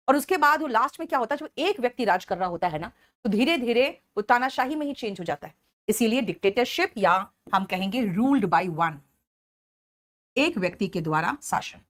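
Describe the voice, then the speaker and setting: With a voice a bit on the high side, a woman teacher energetically goes over vocabulary for exam prep. She uses "beta" for her students and slows down to dictate definitions in English.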